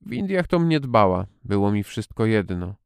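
A man's voice: lowish voice, sing-song, normal speed, creaky, smooth, no echo, clean studio sound. A man voicing a shy young girl who stammers and pleads hesitantly, read as an audiobook character. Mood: timid pleading.

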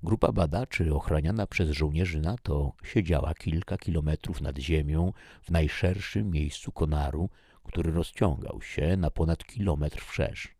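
A man narrating a story in a measured, even audiobook reading. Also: very deep voice, gravelly, slightly rough, dry recording, studio quality.

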